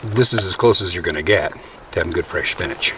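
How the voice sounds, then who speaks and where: A man's voice: deep voice, background noise. A man chatting casually and joking while he cooks on a backpacking trip, recorded outdoors on a distant camera mic. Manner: animated, joking, quick bursts of excitement. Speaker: backpacker vlogger. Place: outdoors at a high mountain lake.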